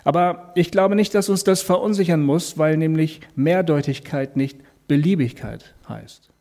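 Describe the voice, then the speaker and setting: Guy doing a calm faith talk, kinda high voice but warm and soft, talks right to you, lots of questions. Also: normal speed. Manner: explains calmly, speaks directly to the listener; asks rhetorical questions.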